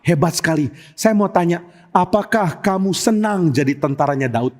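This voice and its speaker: A man's voice: fairly high pitch, animated, normal speed, darkish tone, lightly acted. A man voicing a curious royal investigator who questions soldiers eagerly. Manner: eager interviewing. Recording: echoey church hall.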